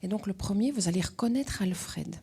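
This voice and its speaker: A woman's voice: mid-range voice, animated, slightly rough. A woman with a Belgian accent, an author reading her picture book aloud to young children. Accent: Belgian French. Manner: slow, gentle reading with voiced characters.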